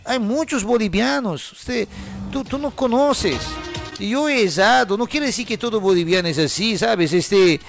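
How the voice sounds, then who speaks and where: A man's voice: sits high, lively intonation, unhurried, vocal fry, exaggerated voice. A man voicing a husband caught cheating, pleading hesitantly and stumbling over fillers. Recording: music playing behind.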